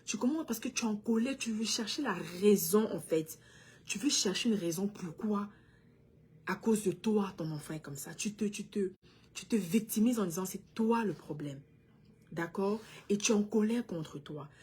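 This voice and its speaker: A woman's voice: medium pitch, moderate pace, a little mellow, slightly rough. A woman from Cameroon with a Cameroonian French accent, a mother talking earnestly and directly to other parents, sometimes switching into English. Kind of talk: casual direct-to-camera talk.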